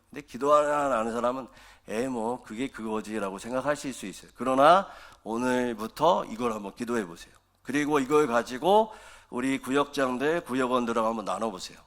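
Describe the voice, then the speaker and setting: A man preaching from the pulpit of a church sanctuary, his voice sitting at an ordinary mid pitch. He talks to the congregation earnestly and swings between soft asides and loud, pleading prayer. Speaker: pastor. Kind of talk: sermon.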